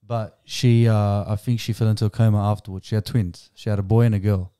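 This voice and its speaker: Mellow, lowish-voiced man in dry sound. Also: little pitch movement, fairly quick, smooth, no room sound. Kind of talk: casual chat and joke telling.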